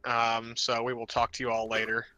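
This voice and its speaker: A man's voice: mid-range voice, monotone, brisk, pushed and bright, clean tone, no echo. A man telling crude, joking work stories as a podcast co-host. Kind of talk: casual podcast storytelling.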